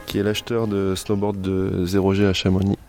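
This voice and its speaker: A man hosting a podcast interview, asking relaxed, friendly questions with fillers. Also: low-pitched, normal speed, music in the background. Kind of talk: casual interview.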